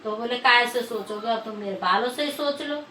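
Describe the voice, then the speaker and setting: Female vlogger, storyteller of a festival folk tale, repetitive sing-song delivery, slightly high voice, echoey room. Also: brisk, bright, forceful tone. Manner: sing-song, repetitive folk narration with many "she said" tags. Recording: echoey room, voice far from mic, faint background noise.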